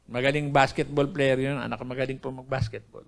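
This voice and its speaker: A man's voice: mid-range voice, level tone, a little fast, gravelly. An older man from the Philippines, earnestly telling his personal faith testimony to his listeners. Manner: earnest storytelling, addressing listeners as brethren. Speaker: testimony speaker.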